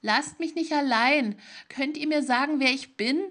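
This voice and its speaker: A man's voice: extremely high pitch, slow. A woman voicing a confused stranger in a grey cowl, pleading and growing pushy. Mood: frantic.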